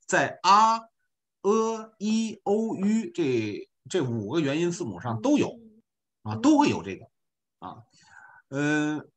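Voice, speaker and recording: A volunteer teacher leads an online beginner class, explaining patiently with plenty of small filler particles. His pitch swings widely between high and low within each sentence.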